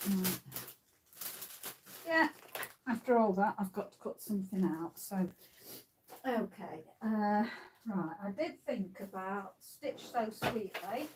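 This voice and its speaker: A woman's voice: medium pitch, animated, takes it slowly, long pauses, slight background noise. A woman hosting a craft tutorial, thinking aloud as she works, with frequent ums and uhs. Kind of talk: casual crafting demonstration.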